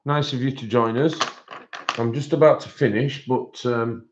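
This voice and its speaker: A man's voice: mid-range voice, fairly even intonation, moderate pace, dull audio, a little hiss or hum. A man hosting a livestream, chatting casually with viewers and thinking aloud in a hesitant way. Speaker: livestream host.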